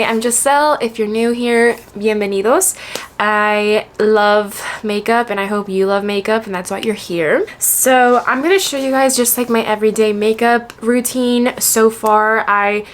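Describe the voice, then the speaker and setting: A young woman from Alabama, chatting casually through a makeup tutorial, rambling and correcting herself as she goes. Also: mid-range voice. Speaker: beauty vlogger. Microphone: camera on a makeshift tripod.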